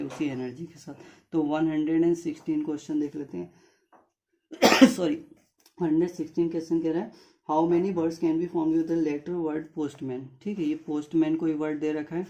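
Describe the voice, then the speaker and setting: A man's voice: on the high side, mellow, muffled recording. A man teaching maths, working through exam questions step by step and speaking directly to his students. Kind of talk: exam paper solution lesson.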